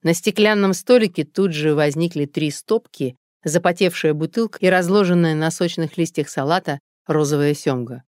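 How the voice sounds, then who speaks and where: A woman narrates an audiobook in a lowish voice. The recording is dry and close, with no room sound. She reads steadily. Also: normal speed, hardly any pauses, darkish tone, no echo.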